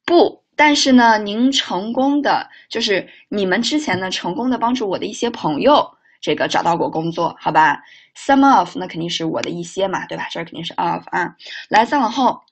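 A woman teaching a live online speaking lesson. She repeats model phrases slowly and carefully, breaks into quick chatty asides, and firmly tells students off. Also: medium pitch, lively intonation, breathy edge. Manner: firm with students, mildly scolding. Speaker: English teacher.

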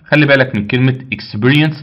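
A man's voice: medium pitch, brisk, muffled recording. A man with an Egyptian Arabic accent teaching English vocabulary, repeating each word and answering his own questions. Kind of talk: vocabulary lesson.

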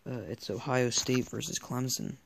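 A man's voice: mid-range voice, fairly even intonation, normal speed, vocal fry, slight background noise. A teenage boy chatting casually over his own football gameplay, rambling and cheering plays on. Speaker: gaming YouTuber.

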